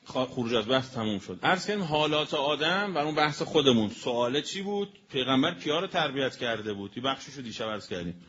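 A man giving a colloquial religious sermon as a preacher. He spells out word meanings slowly and with emphasis, then speeds up. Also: mid-range voice, expressive, fairly bright tone. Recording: dull lo-fi recording with faint noise.

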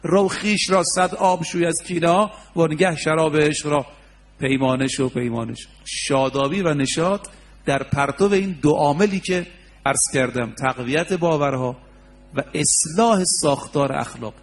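A man's voice: a little high, a little hiss or hum. Persian male preacher telling a sermon. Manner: storytelling with quoted dialogue, rising emphasis. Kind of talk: religious sermon.

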